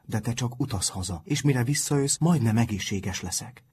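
A man voicing a gentle, injured schoolboy who speaks in a soft whisper in a storybook reading. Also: medium pitch, a little hiss or hum, close to an everyday voice.

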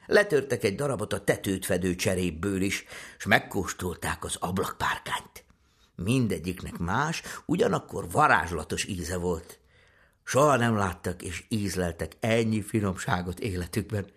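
A man narrating a fairy tale in a gentle, expressive storytelling manner. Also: deep voice, husky.

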